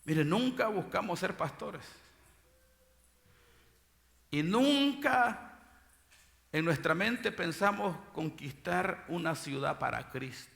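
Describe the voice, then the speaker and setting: High, gravelly man preaching. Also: lively intonation, slow, pauses often, in a large hall. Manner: swings from loud shouted preaching to low murmurs. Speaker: pastor. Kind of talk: sermon.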